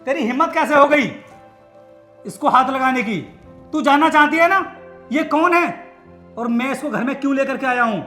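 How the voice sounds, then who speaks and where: A man's voice: extremely high pitch, normal speed, fairly bright tone. A man playing a scornful cheating husband. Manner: harsh, contemptuous, domineering. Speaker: company manager husband. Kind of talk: Hindi short-film acting. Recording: echoey room, music underneath.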